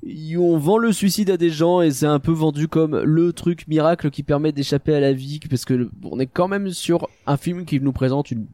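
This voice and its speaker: A man's voice: on the high side, moderate pace, few pauses, warm tone, no room sound, clean studio sound. A man with a Parisian French accent hosts a casual film discussion, talking in a slangy, jokey, self-mocking way. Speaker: podcast host.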